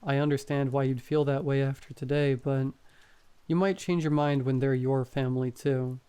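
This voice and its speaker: A man's voice: mid-range voice, steady tone, moderate pace, mellow, clear, resonant tone, natural voice. Man voicing an earnest, placating young boyfriend. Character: young boyfriend, meek, pleading, loyal to monstrous family. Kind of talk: acted dialogue in horror storytelling.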